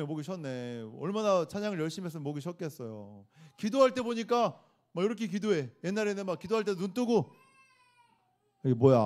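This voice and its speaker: A man, a pastor, giving a children's sermon in a church room, playfully quizzing the kids and having them repeat phrases after him. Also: high voice. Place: church worship room indoors.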